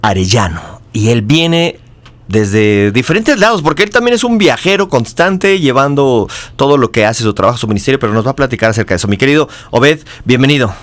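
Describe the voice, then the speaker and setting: A man's voice: mid-range voice, sing-song, brisk. A middle-aged man, hosting a casual interview, joking and asking long, rambling questions. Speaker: podcast host.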